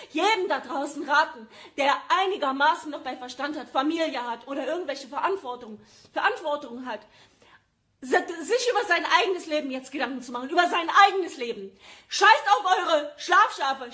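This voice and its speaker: A woman's voice: very high voice, fairly bright tone. A German woman in an agitated livestream rant, repeating herself and speaking straight to her viewers. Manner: agitated, repetitive, addresses viewers directly.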